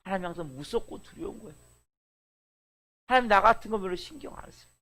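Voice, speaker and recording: A middle-aged man preaching a dawn sermon in a high voice. He keeps asking his listeners rhetorical questions and presses his point by repeating key words. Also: animated, fast, sharp tone. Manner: rhetorical questions, emphatic repetition. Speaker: pastor.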